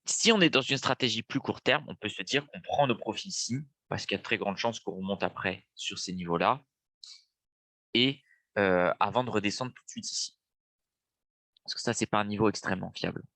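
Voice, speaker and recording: A young man from France, congested with a cold, runs a live trading webinar in a casual, thinking-aloud style packed with fillers. His fairly low voice is bright and forceful, moving fairly quickly, with no room sound.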